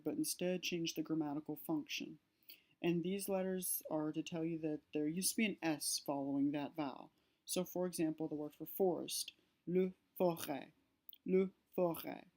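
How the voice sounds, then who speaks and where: A woman's voice: low voice, fairly even intonation, brisk, darkish tone. A woman narrating a slide-based language lesson, explaining step by step with fillers and self-corrections. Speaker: language teacher.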